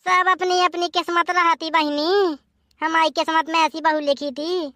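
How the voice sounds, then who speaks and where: A woman's voice: very high voice, fairly even intonation, a little slow, sharp tone, dry recording, heavily acted. A woman doing a grumbling old Awadhi mother-in-law. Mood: complaining. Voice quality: nagging, complaining.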